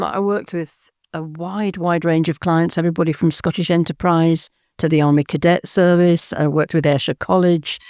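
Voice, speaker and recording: A woman in her sixties from Birmingham, England, an audio drama writer and director, talks thoughtfully as a guest in a casual interview, with frequent ums and repeated words. Her voice is on the low side and warm, recorded at studio quality with no echo.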